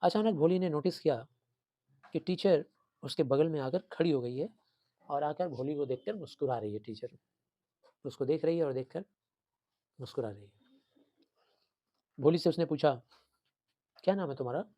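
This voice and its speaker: A male teacher retelling and explaining a story for students, animated and repetitive, switching between two languages. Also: fairly high pitch, moderate pace, pauses often, dry recording, lo-fi sound. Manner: animated storytelling, code-switching, repeating for emphasis.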